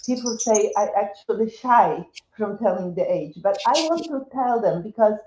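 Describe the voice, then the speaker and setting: In a relaxed interview, a wellness coach in her seventies from Poland talks haltingly, with a Polish accent and many fillers and restarts. She has a darkish, mid-range voice with lively intonation at normal speed. The low-quality recording is echoey with slight hiss or hum.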